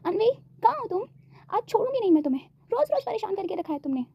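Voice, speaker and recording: A woman's voice: extremely high pitch, big pitch swings, fast talker, vocal fry, dry recording, highs cut off, voice pushed up, full character voice. A woman voicing an angry middle-aged mother who scolds her daughter sharply.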